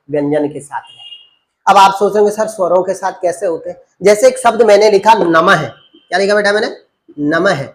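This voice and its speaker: A man teaching a Hindi grammar lesson, often asking rhetorical questions, repeating key terms and calling students "beta". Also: high voice. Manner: addresses students as beta and babu.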